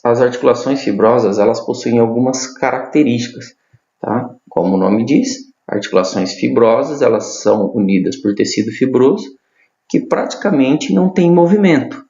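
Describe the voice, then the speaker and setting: A man lectures in a measured, step-by-step way, often checking in with his listeners. His voice has a gravelly edge. The recording sounds roomy and slightly muffled. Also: mid-range voice, warm tone. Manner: measured, explains step by step with frequent tag questions.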